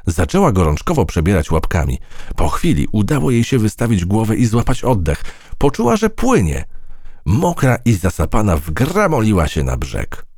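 A man with a very deep, gravelly voice reads a children's story aloud, swooping his intonation in wide, animated arcs. The sound is close and dry, with no room around it. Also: normal speed, no echo. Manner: expressive, storytelling. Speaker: audiobook narrator. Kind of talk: children's audiobook narration.

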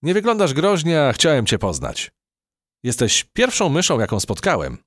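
A man's voice: fairly high pitch, huge pitch swings, moderate pace, dry recording, pitched above the performer's own voice. Brief: man doing a dutiful little cockroach private, friendly and earnest, dry studio sound. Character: earnest young male cockroach soldier.

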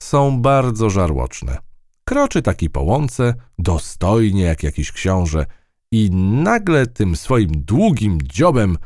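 A man's voice: on the low side, big pitch swings, takes it slowly, darkish tone, dry recording, studio quality, voice pushed up. A man voicing a tough, one-eyed female field mouse in a storybook reading, brash and scolding. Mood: complaining.

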